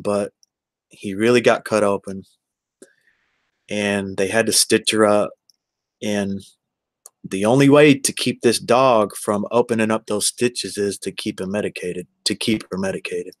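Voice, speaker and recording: An American man in his forties live streams, chatting casually and rambling as he addresses viewers one by one. His voice is fairly low, in a dry recording.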